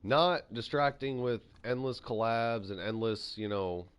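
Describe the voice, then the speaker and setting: A man's voice: mid-range voice, unhurried, clean tone. A man hosting a gaming channel, giving rambling, opinionated commentary while playing and eating. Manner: rambling, opinionated, animated ranting. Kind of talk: casual gameplay commentary.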